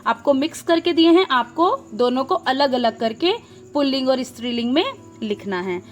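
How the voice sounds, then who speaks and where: A woman's voice: high-pitched, normal speed, soft background music. A woman teacher explaining a grammar exercise to young pupils step by step, asking questions and answering them herself. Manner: patient, explains step by step and repeats key words. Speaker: school teacher.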